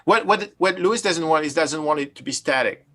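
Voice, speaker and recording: Casting: male music producer, slightly high voice, casual studio talk, feels his way through explanations. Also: fairly quick, a bit bright. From Brooklyn. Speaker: music producer directing a session.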